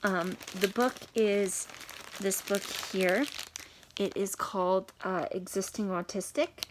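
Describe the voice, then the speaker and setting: A young woman giving an unscripted talk to camera, halting and hesitant, with many pauses and fillers. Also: mid-range voice, steady tone, background noise. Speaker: video blogger reviewing a book.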